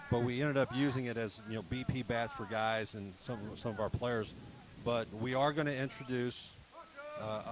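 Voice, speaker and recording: A man representing a bat company, speaking in a casual broadcast interview and filling his talk with "you know" and "um". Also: mid-range voice. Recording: crowd noise behind.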